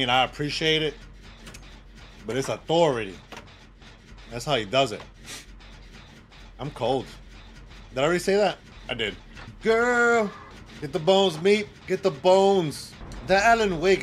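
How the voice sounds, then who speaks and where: A man streaming a game, chatting casually with viewers and teammates and bursting into loud exclamations and cursing. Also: fairly high pitch, a little hiss or hum. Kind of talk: casual live gaming commentary.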